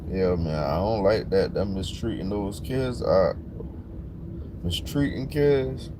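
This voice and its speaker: A man talking bluntly and casually on a livestream, growing animated when he gets worked up. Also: sits low, a little slow, noisy background. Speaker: livestream host.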